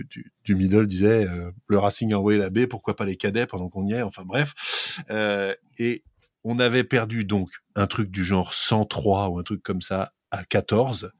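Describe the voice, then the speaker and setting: Guy with a lowish voice rambling through an old rugby story, dry sound. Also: no room sound. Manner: rambling, laughs at himself. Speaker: co-host, former rugby player. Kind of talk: casual storytelling.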